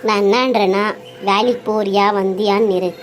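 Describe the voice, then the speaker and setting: A woman voicing a kindly older female employer who gives gentle, motherly advice. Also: medium pitch, steady tone, unhurried, faint music behind, pitched below the performer's own voice, natural voice. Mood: caring.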